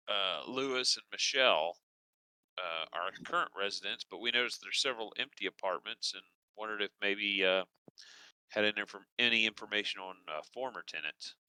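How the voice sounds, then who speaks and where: A man voicing a polite male investigator posing as a doctor, halting with fillers. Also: lowish voice, sharp tone, clean tone, no echo, rough recording.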